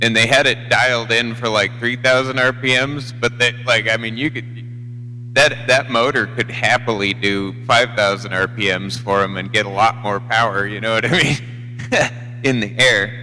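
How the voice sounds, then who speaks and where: Over a live CB radio feed with a noisy hum, long hollow reverb and soft background music, an American man rambles through a casual, unpolished chat. The CB operator speaks at a moderate pace with a medium pitch, fairly even intonation and a sharp tone.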